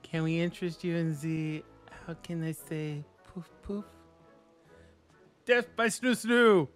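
A man's voice: a little high, flat delivery, dark tone, soft background music, natural voice. A man voicing a flirty male spa attendant with a put-on French accent, teasing and sultry. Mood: seductive. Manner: sultry, teasing, drawn-out delivery.

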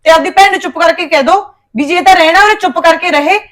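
A woman's voice: very high voice, fast talker, a bit bright. An actress with a Punjabi accent playing a resentful young wife who scolds her husband in a family quarrel. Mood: scolding. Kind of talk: short film acting.

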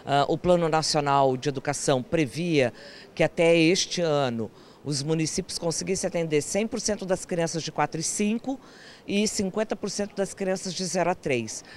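A woman's voice: deep voice, moderate pace, darkish tone, a little hiss or hum. A woman giving an explanatory interview soundbite into a handheld mic in an auditorium. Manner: explanatory, with "né" tags.

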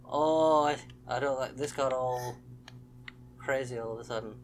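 A man's voice: medium pitch, unhurried, background noise. A young man hosting a horror let's play, commenting as he goes and yelping at the scares. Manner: jumpy, exclaims and yelps at scares.

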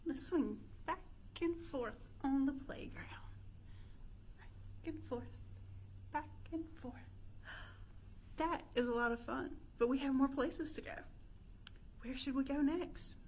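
She's a children's librarian in her thirties, guiding young children through pretend-play storytime and asking them questions in a sing-song manner beside a stone fireplace indoors. Her high-pitched voice has a darkish tone, going slowly with frequent pauses amid slight background noise.

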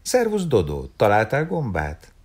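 A man reading aloud and voicing a playful, flirtatious circus woman in a storybook, husky and lively. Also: on the low side, pitched above the performer's own voice, heavily acted. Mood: teasing. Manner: teasing, chatty.

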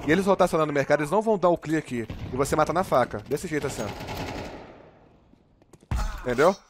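A Brazilian man with a Brazilian Portuguese accent streaming live, giving energetic, slangy gameplay commentary and coaching to his viewers. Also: fairly high pitch, fast talker, noisy background. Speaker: game streamer.

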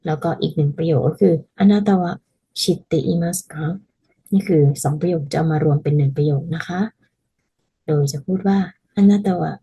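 A woman teaching a casual language lesson, patiently explaining and repeating phrases slowly so learners can practice. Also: low-pitched, dark tone, husky, poor audio.

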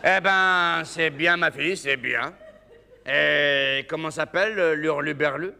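A man's voice: fairly high pitch, slow, vocal fry, pushed and bright, slight background noise, voice pushed down, heavily acted. A male comedian voicing a wary older father who speaks hesitantly and corrects himself awkwardly. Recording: reverberant hall.

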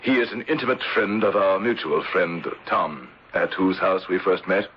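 Actor doing a resolute gent narrating, very low voice, 1970s radio play, muffled hiss. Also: male voice, moderate pace, natural voice. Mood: courteous. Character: composed English gentleman narrator, resolute. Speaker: narrator and protagonist. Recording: hissy lo-fi vintage radio recording.

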